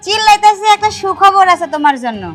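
A young woman playing a scheming young woman who talks briskly and gives orders. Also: very high-pitched, expressive, a bit bright, faint music behind. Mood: bossy. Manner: brisk, sly and commanding. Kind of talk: comedy TV play acting.

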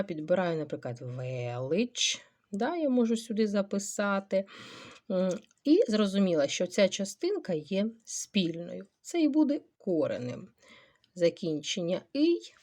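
A woman teacher talking through a grammar exercise, thinking aloud, stretching out parts of words and checking in with quick questions. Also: medium pitch, darkish tone. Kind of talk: recorded grammar lesson walkthrough.

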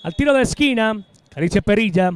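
A man giving live match commentary as play-by-play announcer, in excited breakneck goal-commentary style with drawn-out shouts. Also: sits high, clear, resonant tone.

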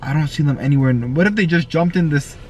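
A man's voice: fairly high pitch, quick pace, darkish tone, slight background noise. A man in his twenties chatting casually as a reaction vlogger, slangy and laid-back. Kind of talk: casual reaction vlog chat. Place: bedroom, reclining on a bed.

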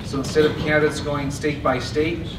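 A man's voice: a little high, normal speed, over music. Earnest man speaking in an echoey hall. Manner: earnest, steady delivery with occasional restarts. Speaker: party chair candidate. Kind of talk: convention stump speech. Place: large convention hall, indoors. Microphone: podium mic on stand. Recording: echoey hall from a far camera with noise.

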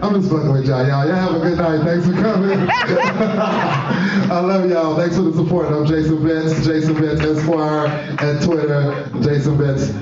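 A man's voice: a little high, steady tone, a little slow, far from the mic. A man doing joking, profane stage banter as an open mic performer, talking into a stage mic at a live music venue. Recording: echoey, muffled live venue recording. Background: loud band music.

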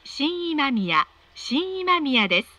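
A woman reading scripted train announcements in a polite, measured, formal way. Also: high voice, big pitch swings, sharp tone, no echo.

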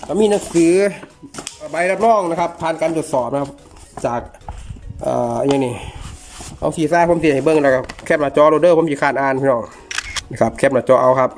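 A man with a Northeastern Thai Isan accent, a chainsaw repairman, unboxes and reviews a saw, joking and chatting with viewers he calls brothers and sisters. His voice is on the high side, with a slight hiss or hum in the audio.

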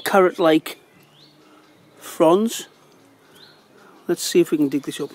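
Out in the woods, a middle-aged forager digs and casually points things out while being filmed on a handheld phone. He takes it slowly, his voice a little high.

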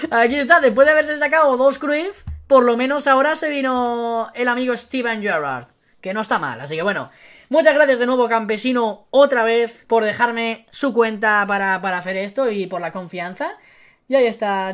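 A woman with a Spain Spanish accent giving chatty live commentary as a game streamer. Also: a little high. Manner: chatty, bursts into excited shouting. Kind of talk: live video game pack-opening commentary.

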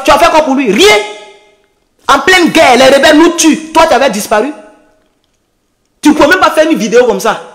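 A man's voice: sits high, fairly bright tone. A man with an Ivorian French accent, taunting and scornful, ranting on a late-night livestream into his phone. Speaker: online political activist.

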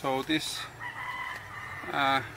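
A middle-aged man, not a native English speaker, vlogging outdoors on a tropical farm. His English is halting, with many pauses and uh's, and the camera is held at arm's length. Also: medium pitch, little pitch movement, gravelly, background noise. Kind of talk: casual vlog narration. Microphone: handheld camera selfie and tripod camera.

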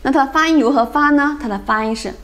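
A woman teaching an English phonics lesson, drilling each sound slowly and often checking with her students. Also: high voice, a bit bright.

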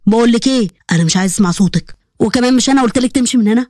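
A woman's voice: fairly high pitch, very fast, a little mellow, no echo, clean studio sound, close to an everyday voice. Woman voicing an irritated young Egyptian man. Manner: irritated, stern. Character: exasperated young man, stern brother.

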